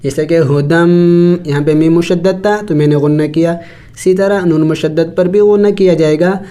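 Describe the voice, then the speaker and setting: Speaking with a Pakistani Urdu accent, a man teaches Quran recitation with tajweed, slowly spelling out letters and stretching syllables before explaining the rules briskly. His voice is on the high side, steady and warm.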